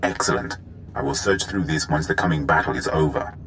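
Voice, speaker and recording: An actor playing a formal, dignified alien military strategist in a video game, speaking in a measured, precise way. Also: male voice, very deep voice, fairly bright tone, a little hiss or hum. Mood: calculating.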